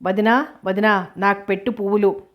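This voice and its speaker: A woman's voice: medium pitch, steady tone, moderate pace, natural voice. A woman reading the lines of an innocent, sulky and bashful young woman in a storybook. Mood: coaxing.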